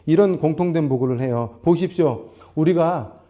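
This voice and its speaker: A man's voice: a little high, moderate pace, mellow. A male pastor delivering a Sunday sermon, explaining word meanings step by step and putting questions to the congregation. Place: small church.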